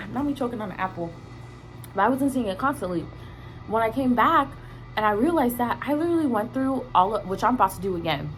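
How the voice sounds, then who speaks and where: This woman vlogger has a fairly high-pitched voice, captured on a rough recording. She chats casually with her viewers, airing opinions emphatically through slang, swearing, and repeated words.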